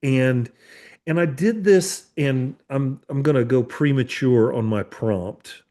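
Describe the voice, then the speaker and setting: A man's voice: mid-range voice, slow pace, mellow. A man in his fifties, a therapist hosting a podcast, chatting casually with many restarts and casual swearing. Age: 50s. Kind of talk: casual conversation.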